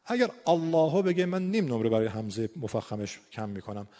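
A man's voice: medium pitch, very animated, mellow. Man teaching recitation in a reverberant hall. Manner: explanatory, drawn-out demonstrations of sounds. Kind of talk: tajwid lesson on scoring recitation.

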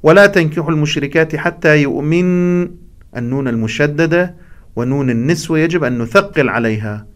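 A man's voice: fairly high pitch, a little fast. A man teaching the rules of scripture recitation, explaining each point and breaking off to chant short examples.

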